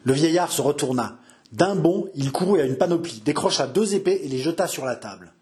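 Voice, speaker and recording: Theatrical male storyteller, fairly high voice. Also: animated, brisk, crowd noise. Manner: theatrical, emphatic. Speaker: narrator. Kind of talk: dramatic audiobook narration.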